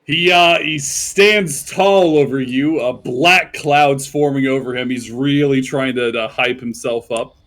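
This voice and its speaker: A man's voice: medium pitch, a little slow, few pauses, a bit bright. A man running a tabletop game as game master, narrating casually and loosely. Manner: casual, easily amused, loose descriptive narration.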